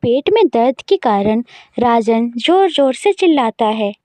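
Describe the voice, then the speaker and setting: A woman narrating a moral story in a plain, steady way. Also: a little high, a little slow, no echo. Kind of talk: scripted narration.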